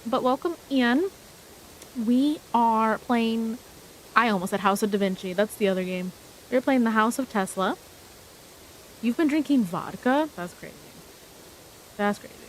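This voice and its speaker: A woman livestreamer chatting casually as she plays, with a cute, bubbly, animated anime-streamer delivery. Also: fairly high pitch, poor audio. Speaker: streamer hosting a game livestream. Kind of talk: casual livestream chat while playing puzzle games. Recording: clear hiss of steady background noise.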